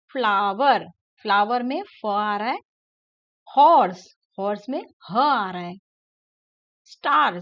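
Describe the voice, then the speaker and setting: A woman's voice: mid-range voice, a bit bright, dry recording. A woman teacher patiently explaining a first-grade English lesson, repeating letter sounds and words, mixing Hindi explanation with English words. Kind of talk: explaining a textbook lesson to young pupils. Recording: slightly dull lo-fi recording.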